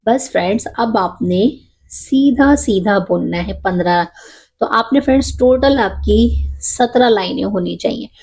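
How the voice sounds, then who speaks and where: A woman with a cold, voice husky and a little gravelly, talks slowly and gently through a knitting lesson. Her tone is mellow and dark, and she counts each stitch aloud patiently. It sounds like a step-by-step craft tutorial. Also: mid-range voice. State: has a cold, voice a bit rough. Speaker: knitting teacher.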